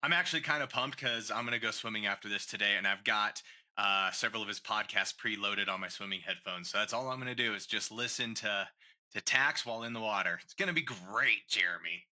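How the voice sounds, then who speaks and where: A man's voice: fairly low pitch, brisk. A man co-hosting a casual podcast, joking around and running a quiz game in a playful manner. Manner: playful, jokey, lively quiz-host delivery. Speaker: podcast co-host and game show quizmaster. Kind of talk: casual chat.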